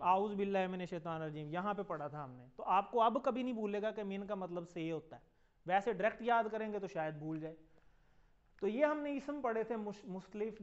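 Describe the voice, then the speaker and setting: Male teacher, high voice, patient call-and-repeat drilling, dull lo-fi recording. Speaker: Arabic teacher. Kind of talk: classroom lesson with call-and-repeat.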